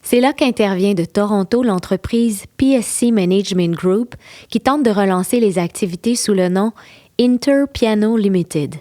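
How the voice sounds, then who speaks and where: A woman's voice: mid-range voice, moderate pace, dark tone, dry recording, clean studio sound. A woman with a Québécois accent hosting and narrating a history walking tour podcast, playful and enthusiastic, with teasing asides to her listeners. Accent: Québécois French. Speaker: podcast host and tour guide.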